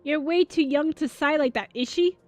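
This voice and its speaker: A woman streamer chats loosely while playing, full of fillers and asides to her viewers. Her voice sits fairly high. Her talk stays casual and unscripted throughout. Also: moderate pace, darkish tone, soft background music. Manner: chatty and rambling, filler-heavy, reacting to chat. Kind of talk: casual gaming livestream chat.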